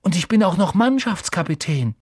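Eager, boastful schoolboy wizard, a man doing him, husky and raised in pitch, storybook reading. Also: normal speed, dry recording, clean studio sound, heavily acted. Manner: excited, whiny.

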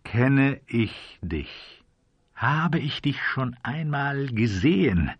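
A man voicing a grim, driven gunslinger in an audiobook, asking terse, insistent questions in a husky voice. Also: mid-range voice, big pitch swings, very slow, no echo, lo-fi sound, voice pushed up, heavily acted. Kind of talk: audiobook character voice.

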